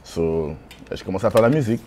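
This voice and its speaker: A man's voice: fairly low pitch, quick pace, slight background noise. A man, a music producer telling his story animatedly in a casual interview. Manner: animated storytelling, acts out his own thoughts.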